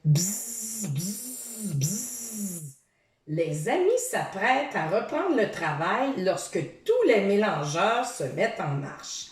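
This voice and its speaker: Conteuse lente et très expressive. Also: female voice, medium pitch. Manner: slow, animated, quizzes young listeners. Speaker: storyteller for children. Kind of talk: reading a picture book aloud. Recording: roomy, distant from the mic.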